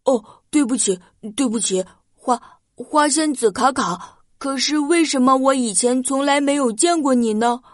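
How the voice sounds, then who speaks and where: A woman voicing a timid, lonely female robot in a children's story, gentle and hesitant in the way she talks. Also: high voice, a little slow, few pauses, dry recording, clean studio sound. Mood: flustered, apologetic. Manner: hesitant, stammering, apologetic.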